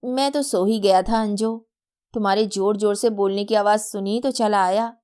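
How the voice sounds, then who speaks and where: A woman's voice: mid-range voice, steady tone, normal speed, a little mellow, smooth, natural voice. A woman voicing a mild, placating middle-aged male lawyer woken from sleep.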